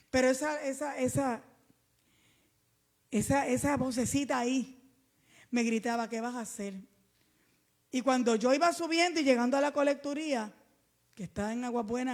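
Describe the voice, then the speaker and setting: A woman's voice: fairly high pitch, a little mellow. Fervent Puerto Rican woman preacher. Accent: Puerto Rican Spanish. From Puerto Rico. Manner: fervent preaching, calls listeners amado and hermano, rises and drops in volume. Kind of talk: sermon.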